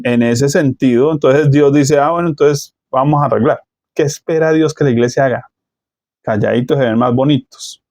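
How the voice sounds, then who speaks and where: A man's voice: on the high side, a little mellow, dry recording, studio quality. A middle-aged man with a Colombian accent preaching a sermon in a conversational way, full of rhetorical questions. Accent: Colombian Spanish.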